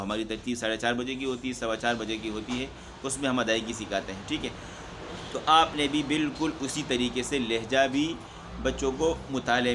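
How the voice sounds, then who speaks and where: Brief: male recitation teacher, mid-pitched, calm step-by-step instruction, faint background hiss. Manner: steady explaining, frequent "theek hai" check-ins.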